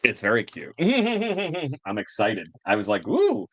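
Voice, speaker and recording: A man's voice: lowish voice, wildly swooping pitch, slow pace, a crowd in the background. A man hosting a casual podcast chat, chatty and laughing between remarks. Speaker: podcast host.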